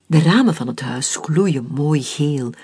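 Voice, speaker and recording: Storybook narrator, husky voice, animated pitch, expressive reading, soft whispered moments. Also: takes it slowly.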